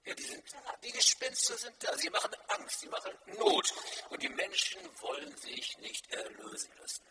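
Emphatic male preacher, very lively pitch. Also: moderate pace, noisy background. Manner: emphatic, rhetorical repetition. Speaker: pastor. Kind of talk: sermon. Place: church.

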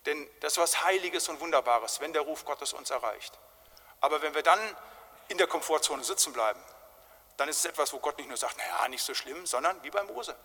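A man's voice: fairly high pitch, brisk, bright, forceful tone. A man preaching a sermon in an emphatic, colloquial way, often tagging his points with short questions. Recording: long reverb of a large hall.

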